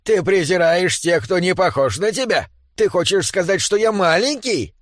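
Man doing a shouty touchy little gnome. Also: sits high, expressive, unhurried, no echo, studio quality, voice pushed up. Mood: indignant. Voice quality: indignant, shouty. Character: grumpy touchy male gnome miner, small, militant.

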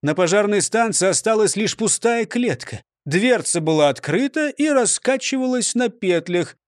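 A man narrating a children's storybook in an animated, expressive way. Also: high voice, moderate pace, no echo, studio quality.

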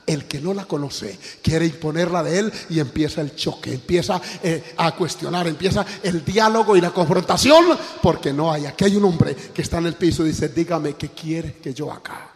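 An older man preaches a sermon with fervor, his somewhat high voice leaping from loud exclamations down to low, weighty phrases. The sound carries a long reverb, as in a large hall. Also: animated, moderate pace, hardly any pauses. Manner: impassioned preaching, swings from loud exclamations to low emphatic tones. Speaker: pastor.

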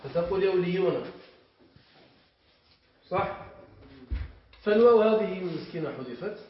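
Male grammar teacher with a fairly high voice. He explains patiently and keeps checking with the class. The recording is dull and lo-fi with a faint hiss. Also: expressive, measured pace, heavy reverb. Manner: explanatory, checks understanding with repeated questions. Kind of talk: classroom lesson on verb morphology.

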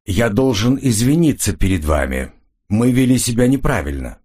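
A man voicing a calm, persuasive Englishman who bargains politely in an audiobook. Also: on the low side, normal speed, slightly rough.

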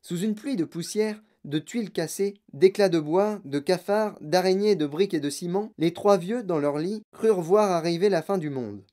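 A man narrating a children's audiobook in a calm, low storytelling tone. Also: normal speed, hardly any pauses. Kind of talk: audiobook reading.

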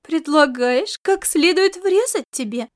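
A woman plays a sassy, mocking catlike alien girl in a read-aloud story. Her squeaky voice is pitched well above ordinary speech. She sounds pushy and loud. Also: expressive, unhurried. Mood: teasing. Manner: mocking, teasing, then whiny. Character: cheeky young female star-cat girl.

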